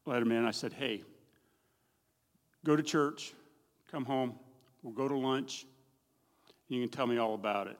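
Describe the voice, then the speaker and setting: A middle-aged man giving a plain-spoken, folksy personal testimony in a church, telling his story with a self-deprecating edge. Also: medium pitch. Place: church hall. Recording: long reverb of a church hall.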